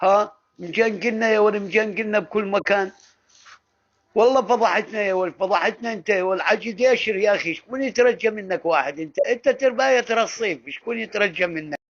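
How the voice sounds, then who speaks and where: Man, Deir ez-Zor accent, very high voice, rapid scolding insults. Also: lo-fi sound. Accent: Deir ez-Zor Syrian Arabic. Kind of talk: insult comedy voice message.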